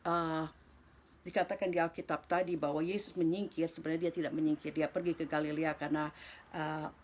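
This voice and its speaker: A woman reading scripture softly and slowly, often dropping into a breathy whisper, then explaining the passage in a loose, talkative way with many fillers. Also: deep voice, flat delivery. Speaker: Bible teacher.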